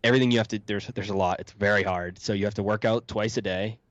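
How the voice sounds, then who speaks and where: A man guest on a podcast, talking in a quick, matter-of-fact casual way. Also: lowish voice, steady tone, no room sound, lo-fi sound.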